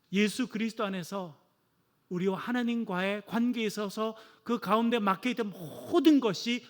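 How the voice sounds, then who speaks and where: A man in his forties preaching a sermon to a church congregation, telling family stories and often addressing the listeners directly. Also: high-pitched. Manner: storytelling with asides to the congregation; acts out quoted voices of his children. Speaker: pastor. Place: church sanctuary.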